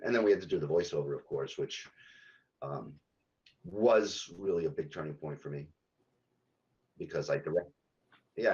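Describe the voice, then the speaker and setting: A man, a game localization director, answering podcast interview questions haltingly, with many ums and restarts. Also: low-pitched, dull audio.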